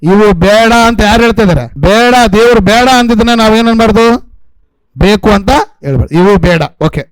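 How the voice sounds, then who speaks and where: A man's voice: sits high, expressive, normal speed, dry recording, rough recording. A man preaching a sermon in a North Karnataka accent, constantly asking the congregation questions and repeating his phrases. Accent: North Karnataka Kannada. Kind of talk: sermon with call-and-response questions. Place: church in a coastal city.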